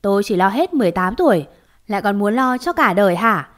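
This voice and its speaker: A woman's voice: medium pitch, animated, a little fast, a bit bright, close to an everyday voice. A woman reading an audio story, voicing a bitter, scornful older mother-in-law who scolds and blames. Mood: scolding. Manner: scolding and reproachful.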